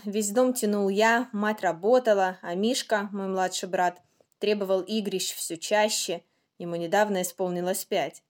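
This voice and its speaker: Woman reading her own tale aloud. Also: medium pitch. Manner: measured, expressive reading. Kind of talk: scripted storytelling narration.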